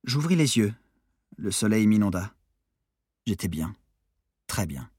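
A man reading a novel aloud as a calm, quiet first-person narrator. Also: lowish voice, a little slow, husky, dry recording, clean studio sound. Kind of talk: audiobook narration.

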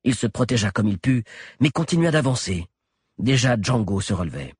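Male narrator, audiobook, lively pitch, dry close sound. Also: normal speed, husky, no echo. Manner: expressive, dramatic.

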